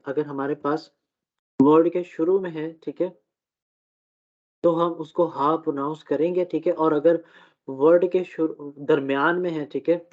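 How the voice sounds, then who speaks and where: Slow patient man teaching, lo-fi sound. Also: on the high side. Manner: slow, repeats "theek hai" often, fillers. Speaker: German teacher. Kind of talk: live online language class. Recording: dull lo-fi audio.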